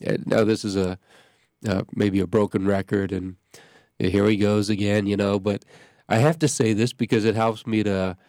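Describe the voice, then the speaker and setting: A pastor hosts a radio chat, his nose congested and his low voice gravelly. He rambles, keeps cutting himself off and starting again, and the studio sound is dry and close. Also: fairly even intonation, moderate pace, darkish tone, dry recording. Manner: rambling, self-interrupting.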